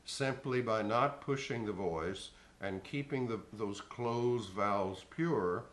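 Guy teaching singing, low voice, takes his time, roomy echo. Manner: slow, measured, instructive. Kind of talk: spoken vocal lesson. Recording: echoey room.

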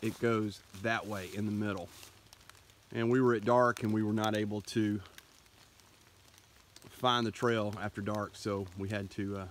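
A man's voice: on the low side, level tone, a little slow, long pauses, a little hiss or hum. A middle-aged man filming himself on a wooded hiking trail, explaining plainly as he walks, with the camera held close. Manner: plain, matter-of-fact explaining while walking. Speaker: hiker filming his trip. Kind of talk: casual trail vlog. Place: outdoors on a leafy forest trail. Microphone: handheld camera close to face.

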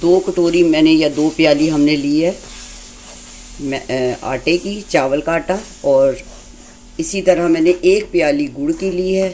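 A woman hosting a home cooking demonstration, explaining each step calmly and patiently. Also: low voice, unhurried, a little hiss or hum. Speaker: cooking channel host. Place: home kitchen.

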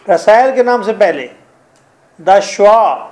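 A man's voice: sits high, animated, takes it slowly, a little mellow. A middle-aged man with a Pakistani accent teaching a classroom English grammar lesson, drilling rules and quizzing his students.

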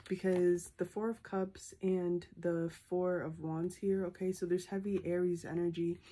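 In a small room, a young woman gives a tarot reading to a phone camera at arm's length, her nose blocked by a sinus infection. Her voice is fairly low and dark, the tone level and the pace a little slow, and she closes nearly each point by asking "okay?"

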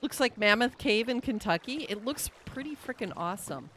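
A woman chatting casually as co-player on a game stream, cheerful and quick to react. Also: on the high side, expressive, noisy background. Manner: cheerful, quick to gasp and laugh. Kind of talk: casual gameplay chat.

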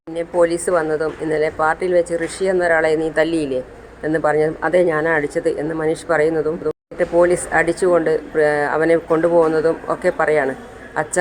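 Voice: medium pitch, slight background noise, rough recording. A storyteller casually retelling the plot of a TV serial, with restarts and filler sounds.

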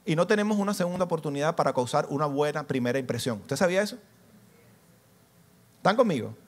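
A man with a fairly high voice gives an interactive church teaching, firing questions at the congregation. He moves from bold, rising calls down to soft, tender passages as he acts out little scenes. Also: lively intonation, fast talker. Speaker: pastor.

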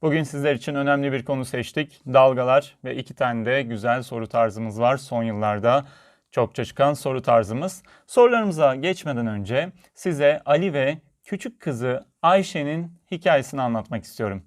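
A man's voice: mid-range voice, normal speed. A man teaching a physics video lesson, friendly and talking straight to his viewers as friends.

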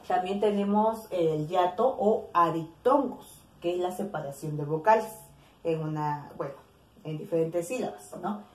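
A woman's voice: on the low side, darkish tone. Woman teacher in an echoey room. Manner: explains slowly, listing examples with frequent "¿no?" checks. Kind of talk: recorded language lesson.

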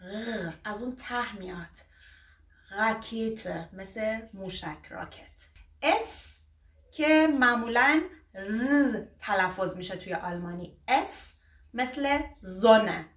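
A woman teaching a beginner alphabet lesson, stretching out each example word slowly between quicker asides. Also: mid-range voice, a bit bright. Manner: slow, drawn-out example words, quick asides. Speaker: German teacher. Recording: roomy echo, distant from mic.

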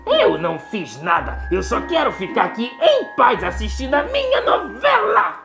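A man's voice: very high voice, huge pitch swings, moderate pace, creaky, heavily acted. A man playing a grumpy, whiny dinosaur villain in a children's show, indignant in manner. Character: grumpy green dinosaur villain who loves soap operas. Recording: music behind the voice.

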